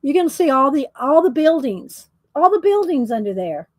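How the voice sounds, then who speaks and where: A woman's voice: high-pitched, sing-song, moderate pace, a little mellow, dry recording. A woman chatting casually with viewers during a coloring live stream, rambling and restarting her sentences. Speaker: livestream host coloring.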